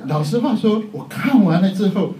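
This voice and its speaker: A man's voice: high voice, expressive, normal speed, dark tone, far from the mic. A middle-aged man from Taiwan, preaching a sermon in a chatty, self-mocking way and laughing often. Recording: echoey hall, faint background noise.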